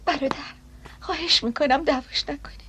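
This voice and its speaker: A soft, pleading young woman. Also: high-pitched, a little hiss or hum. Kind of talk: dubbed film acting.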